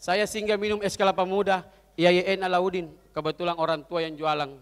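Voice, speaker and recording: A man tells jokes to a corporate audience in a high, lively voice. He slips in and out of characters, dropping soft for some and shouting for others. The hall's long reverb trails after every line. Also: fairly quick, clear, resonant tone. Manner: lively storytelling, swings between loud and soft voices for characters. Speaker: comedian. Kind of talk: stand-up jokes at a corporate event. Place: event hall.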